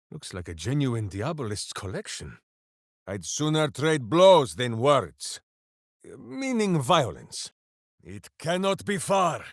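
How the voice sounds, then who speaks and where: Minsc, grandly earnest, wildly expressive heroic warrior. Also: male voice, fairly high pitch, dry recording, studio quality, full character voice. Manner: grandiose, earnest, speaks of himself in third person. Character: big, simple-hearted, heroic male warrior devoted to his hamster. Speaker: video game companion character. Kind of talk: theatrical video game voice acting.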